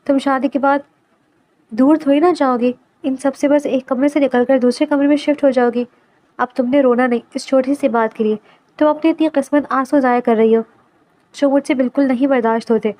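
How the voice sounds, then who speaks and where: A teasing, protective young man, as a woman reads him reassures softly in a narrated romance. The pitch stays high. There is little change from the reader's own voice. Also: steady tone, lightly acted. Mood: reassuring.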